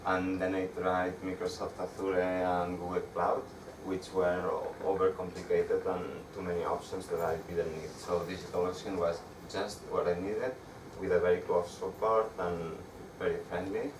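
A young Spanish-accented man with a low, flat voice gives a technical talk with slides to a meetup crowd in a dark room with a projector screen. He stumbles and restarts often. A far-off camera picks him up, so the sound is echoey and distant with audible background noise.

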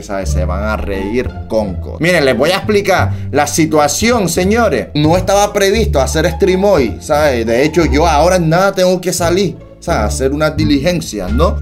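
A man hosting a prank call video, talking casually with frequent cursing and bursts of laughter. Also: on the high side. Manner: loud giggling fits, cursing. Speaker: host.

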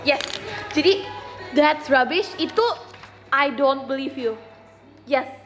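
Young woman playing teacher, slow and teasing, faint music behind. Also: high voice. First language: Indonesian. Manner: teasing teacher tone, switching between Indonesian and English. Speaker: livestream host. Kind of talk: playful mock English lesson.

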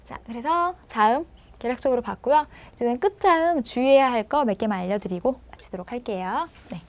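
A woman teaching pronunciation in a video lesson, patiently prompting and sounding words out slowly. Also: fairly high pitch, dry recording. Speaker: language teacher.

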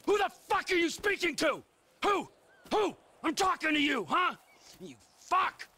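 An actor playing a volatile, violent male criminal in a video game cutscene, swinging from menacing whispers to shouting rage. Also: high-pitched, sing-song, normal speed, full character voice. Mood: raging.

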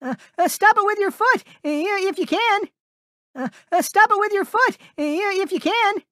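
A man's voice: extremely high pitch, normal speed, sharp tone, no echo, clean studio sound. A man voicing a small, anxious, kindly piglet for a cartoon video game, stammering politely and hesitantly as he goes. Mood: anxious, encouraging.

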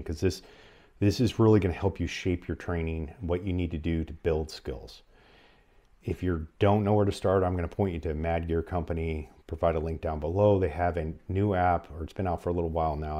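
Speaking to the camera from a small furnished room at home, a North American man in his forties gives explanatory advice in a low, mellow voice. He presents an emergency radio advice channel, and his phrasing is measured and halting.

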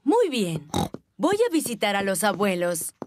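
Sensible mummy pig for kids cartoon, latin american spanish, motherly, lively pitch, music under. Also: measured pace. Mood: gently motherly. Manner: motherly, expressive. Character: kind, sensible mummy pig, gently firm. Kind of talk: animated children's cartoon dialogue. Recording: music bed behind dialogue.

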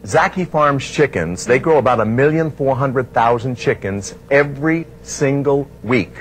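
A man's voice: mid-range voice, animated, measured pace. A man hosting a product demonstration, folksy and unscripted, talking through each step as he sells. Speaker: infomercial host and product demonstrator. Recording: faint background noise, vinyl transfer.

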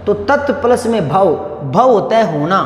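A man with a cough teaching Hindi grammar in a patient, slow lesson, repeating points and asking rhetorical questions. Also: high-pitched, sing-song, darkish tone. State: unwell with a cough. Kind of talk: explanatory classroom lesson. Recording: echoey room with long reverb.

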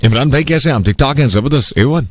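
A Pakistani radio host man with a very lively, swooping voice, chatting and teasing callers on a call-in show. He jokes easily and slips English words into his talk. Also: mid-range voice, husky. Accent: Pakistani Urdu. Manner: playful, teasing, mixes English phrases. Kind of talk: casual call-in radio chat.

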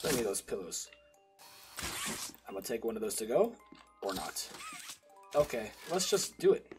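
A man's voice: fairly low pitch, very animated, moderate pace. A young man hosting a horror game let's play, chatting casually, swearing and getting scared. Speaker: gaming channel host. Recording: game music playing under the voice.

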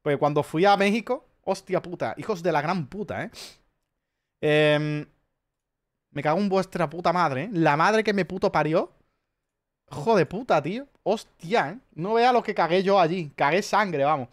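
A man's voice: high voice, normal speed. Profane rambling Spanish man. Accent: Spanish from Spain. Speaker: streamer. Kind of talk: casual chat.

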